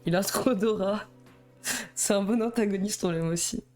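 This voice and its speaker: A man's voice: high-pitched, moderate pace, darkish tone, soft background music. A young man with a Belgian French accent streaming alone, chatting in a rambling, nervous way, stammering and often laughing. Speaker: livestreamer. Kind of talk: casual live-stream chat.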